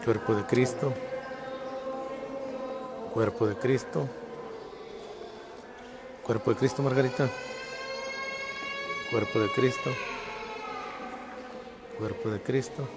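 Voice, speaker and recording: A man, a priest giving communion, slowly and steadily repeating a liturgical formula in a large church. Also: medium pitch, over loud music. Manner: slow, steady repetition. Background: hymn singing.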